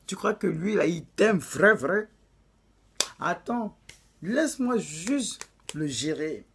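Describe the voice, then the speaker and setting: A woman's voice: on the low side, expressive, slow, a bit bright, slightly rough, exaggerated voice. A woman with an African accent voicing a scheming, cocky male Satan who mocks with challenging questions. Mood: taunting.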